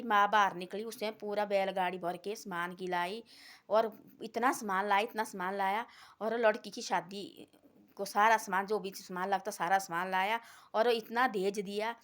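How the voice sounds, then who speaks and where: A woman's voice: mid-range voice, fairly even intonation, normal speed, a bit bright. A woman casually telling a devotional folk story, rambling and repeating herself as she goes. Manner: rambling, repeats phrases, many restarts.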